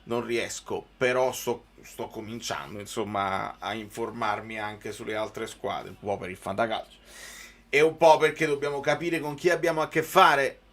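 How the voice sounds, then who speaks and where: A man's voice: lowish voice, steady tone, normal speed, fairly bright tone. A man giving live football commentary mixed with informal, conversational chat to viewers.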